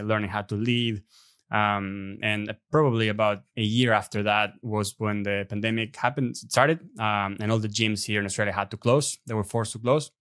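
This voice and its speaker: A man, a podcast guest telling stories in a relaxed, chatty way over a remote call. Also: on the low side, clear, resonant tone. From Argentina. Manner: relaxed, chatty storyteller with frequent fillers. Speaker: podcast guest, app developer. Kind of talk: casual interview chat. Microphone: remote video call.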